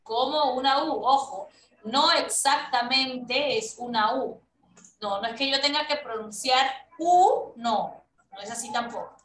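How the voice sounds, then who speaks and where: A woman's voice: on the high side, unhurried, fairly bright tone, echoey room, recorded from a distance, a little hiss or hum, low-quality recording. A woman teaching English to children in an online class, patient, repeating herself and checking that the kids follow along. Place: room at home on a video call. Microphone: laptop mic on a video call.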